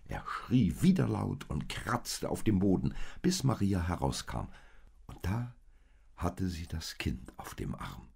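A man narrates a storybook in a calm, expressive reading. His voice is extremely deep and gravelly. It is husky and moves freely in pitch. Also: slow.

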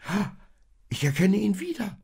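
A man voicing a boastful, proud male donkey in a storybook reading, talking high and breathy. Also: very animated, extremely slow, whispered, full character voice. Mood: excited.

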